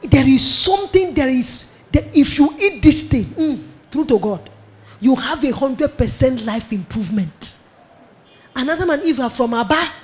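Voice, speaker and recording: Male Nigerian preacher, high pitched, lively sermon delivery. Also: normal speed. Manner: animated, acts out dialogue in pidgin.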